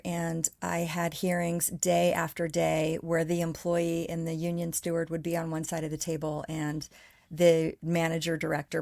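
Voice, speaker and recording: A woman's voice: low voice, gravelly, a little mellow, no room sound, studio quality. A woman speaking as a podcast guest, talking earnestly at length in casual conversation. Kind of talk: casual interview chat.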